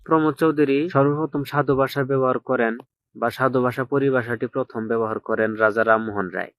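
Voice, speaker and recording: A man teaching an exam-prep lesson, dictating slowly and repeating each point so students can note it down. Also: mid-range voice, fairly bright tone, dry recording.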